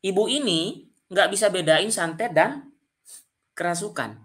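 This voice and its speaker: A man's voice: high voice, animated, a little slow, fairly bright tone. A man telling a personal story to his viewers as a channel commentator, often speaking directly to the audience. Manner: addresses listeners directly and often.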